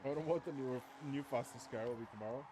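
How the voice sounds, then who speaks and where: A man's voice: medium pitch, rapid-fire, noisy background. A young man casually streaming a racing game. He rambles, swears freely, talks to his viewers and says he is starting to lose his voice. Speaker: gaming streamer. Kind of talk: casual live-stream commentary.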